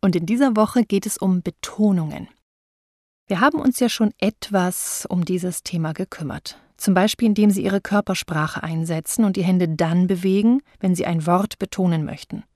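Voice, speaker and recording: Woman, speech coach, voice training lesson, clear deliberate delivery, dry close sound. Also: on the low side, darkish tone, no room sound. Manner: clear, deliberate, demonstrates stress with slowed example sentences.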